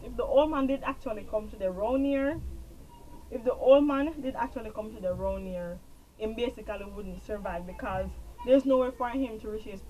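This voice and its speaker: A TV show reviewer with a Jamaican accent recaps a series casually and ramblingly, repeating herself and trailing off into filler. Her voice is fairly high and darkish, with the highs cut off and a bit of hiss or hum.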